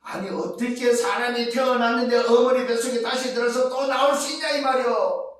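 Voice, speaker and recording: Man preaching, very high pitch, booming church echo, distant mic, rhetorical questions. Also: steady tone, a little fast. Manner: rhetorical questions and emphatic repetition; rises to shouts at climaxes. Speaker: pastor. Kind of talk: sermon. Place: church sanctuary.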